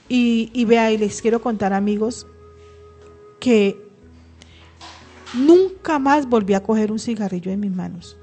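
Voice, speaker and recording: A woman's voice: on the high side, mellow. A middle-aged woman, sharing an emotional personal religious testimony on a radio program, earnest, with frequent restarts. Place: radio studio.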